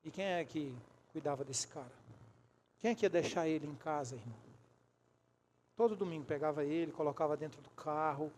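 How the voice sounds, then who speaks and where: A Brazilian preacher with a high, lively voice delivers a sermon in a church. He tells stories, acts out both sides of conversations, and swings between quiet, hushed lines and sudden loud peaks. Faint room noise sits under the voice. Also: a little fast. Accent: Brazilian Portuguese. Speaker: bishop. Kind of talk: sermon with storytelling. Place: church sanctuary.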